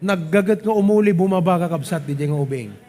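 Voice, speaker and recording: A man with a Filipino accent preaching a sermon at church, animated, often asking the congregation to agree and mixing English into his talk. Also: high-pitched, a little fast. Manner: animated, asks the crowd "di ba?" often; mixes English and local speech, light laughs. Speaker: pastor. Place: church service.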